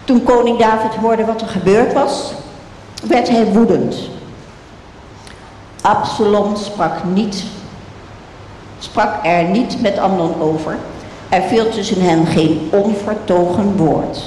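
A reader giving a slow, measured scripture reading, recorded in a roomy hall. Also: a little mellow. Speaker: Bible reader. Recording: roomy hall reverb, faint rumble.

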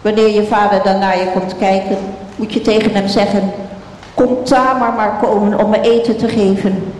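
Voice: steady tone, moderate pace, a little mellow, natural voice. A reader voicing a worldly cousin who gives confiding, persuasive advice, in a roomy hall. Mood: scheming. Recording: roomy hall reverb, faint rumble.

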